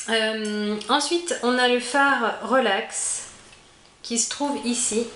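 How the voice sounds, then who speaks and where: A woman's voice: medium pitch, fairly bright tone. Chatty woman in an echoey room. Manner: chatty, hesitant with many fillers and restarts. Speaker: beauty vlogger. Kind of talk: casual product review. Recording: echoey room with faint ambient noise.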